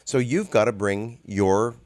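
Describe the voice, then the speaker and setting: Low-voiced man in casual chat. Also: unhurried, darkish tone, no echo, clean studio sound. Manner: rambling storyteller, many ums and restarts. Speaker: songwriter co-host. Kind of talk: casual conversation.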